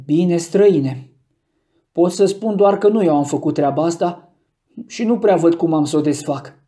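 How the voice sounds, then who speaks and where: A man doing a slow menacing tough. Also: a little high, warm tone, close to an everyday voice. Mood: grudging. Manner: slow threatening drawl. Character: menacing rough man, dog owner.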